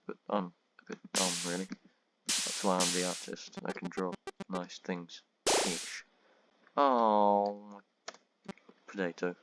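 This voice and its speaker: Low monotone man, noisy. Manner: self-deprecating, rambling, with many ums. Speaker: gameplay commentator. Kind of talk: casual let's-play commentary. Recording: loud background noise and keyboard clicks.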